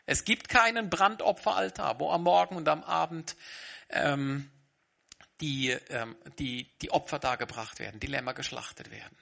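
A man delivers a sermon in a bright, forward voice with a husky edge. He talks earnestly and turns straight to his listeners as he explains the text. His voice sits a little higher than most men's. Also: moderate pace. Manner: earnest, addresses congregation directly. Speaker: pastor.

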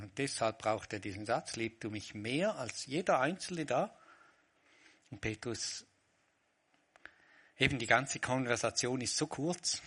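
Bright-voiced man preaching. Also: medium pitch, husky. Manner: reflective, quotes dialogue with shifts in emphasis. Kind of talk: sermon.

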